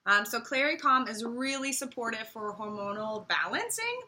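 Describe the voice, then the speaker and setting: Cheerful American woman, casual product chat, very bright tone. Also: a little high, big pitch swings, moderate pace. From United States. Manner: bubbly and playful, laughs often. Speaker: co-host.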